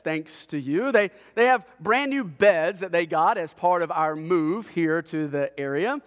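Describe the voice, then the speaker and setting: Guy preaching w a super high voice, lively and kinda sarcastic, lots of hall echo. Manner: animated storytelling with a sarcastic edge. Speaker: pastor. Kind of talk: sermon.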